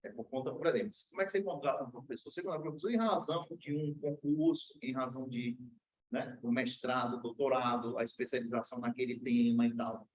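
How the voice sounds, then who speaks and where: A man's voice: mid-range voice, fast talker, slightly rough, rough recording. A man from Brazil, a law professor, giving a university lecture in a casual, slangy way with anecdotes. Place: lecture room.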